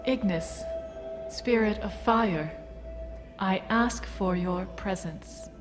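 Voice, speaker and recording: Warm, serene, slow-speaking goddess played by a woman. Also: medium pitch, lightly acted. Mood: serene, solemn. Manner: warm, serene, soothing goddess voice, breathy soft delivery. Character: serene, motherly Earth Mother goddess, warm and nurturing. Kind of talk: slow guided-meditation audio drama. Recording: music bed behind the voice.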